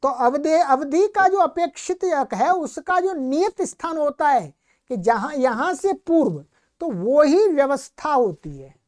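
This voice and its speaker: A woman with a high-pitched voice gives a recorded Sanskrit grammar lecture. She explains patiently and steadily. She keeps posing questions to the class and then answering them herself. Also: very animated, a little slow, a little mellow.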